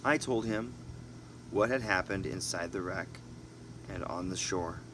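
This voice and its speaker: An amateur audiobook reader with a low, slightly slow voice reads a storybook informally, adding asides and sometimes stumbling and correcting himself. It's a noisy home recording with a steady hum.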